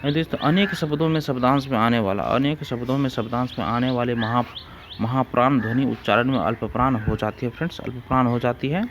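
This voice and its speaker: A man's voice: mid-range voice, quick pace, noisy background. A man teaching an exam-prep grammar lesson, repeating rules and examples and calling his listeners friends.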